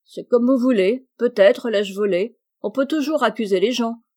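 A woman's voice: fairly high pitch, moderate pace, mellow, close to an everyday voice. A woman reading the part of a sullen peasant soldier orderly who whines that he is blamed unjustly. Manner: whining, sullen protests of innocence. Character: sulky peasant soldier orderly, male, adult.

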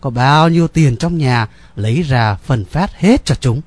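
A man narrating a story in a lively, ornate storyteller manner. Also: medium pitch, a little slow, no room sound.

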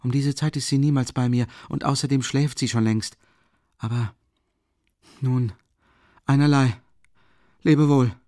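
A man voicing a feverish, weak young man who speaks in a halting, strained way that climbs upward in pitch, read as an audiobook character. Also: steady tone, a little mellow, no room sound, clean studio sound, lightly acted. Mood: tense farewell.

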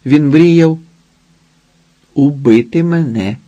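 A man's voice: a little high, takes it slowly, mellow, muffled recording, pitched above the performer's own voice. A man voicing a stern, weary immortal woman who owns the house, in an audiobook. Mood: grave. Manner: commanding, grave.

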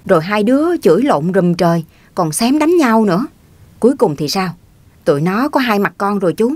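A woman's voice: mid-range voice, big pitch swings, moderate pace, a little mellow, no echo. Fields: Woman, audiobook storyteller, dry sound. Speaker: narrator.

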